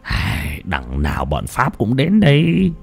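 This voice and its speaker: A man voicing a lecherous old village chief with a gruff, slurred, wheezing voice. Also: on the low side, huge pitch swings, slow, soft background music, heavily acted. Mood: menacing.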